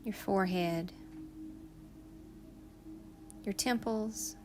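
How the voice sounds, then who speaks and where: Over music, a medium-pitched woman leads a calm guided meditation, speaking slowly with long gaps between her phrases.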